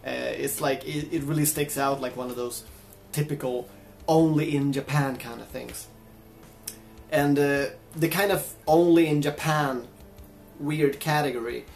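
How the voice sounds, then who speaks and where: A man's voice: fairly high pitch, normal speed, gravelly, faint music behind. Chatty man, reflective. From Sweden. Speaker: vlogger and guitarist. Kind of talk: casual personal storytelling.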